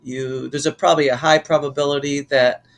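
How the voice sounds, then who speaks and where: A man co-hosting a casual podcast, explaining insurance with halting restarts. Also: a little high, flat delivery, vocal fry. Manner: hesitant, restarts while explaining. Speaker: insurance professional co-host. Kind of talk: casual chat.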